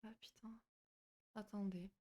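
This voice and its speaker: In a very noisy clip, a woman with a medium-pitched, steady voice talks a little slowly while hosting a psychology live. She casually greets and reads chat on a home mic, sounding warm and chatty, hesitating with "euh" and often restarting amid many fillers.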